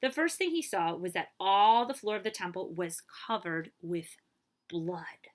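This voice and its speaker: In a rather low, animated voice and at a slightly slow pace, a woman reads a children's story as a librarian might. She creates suspense by dropping to a hush and stretching key phrases.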